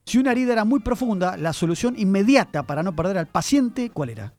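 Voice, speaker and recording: A man's voice: high voice, big pitch swings, fast, a little mellow. A man presenting a chatty radio segment on word origins, addressing his listeners as he tells the story. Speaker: radio columnist. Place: radio studio.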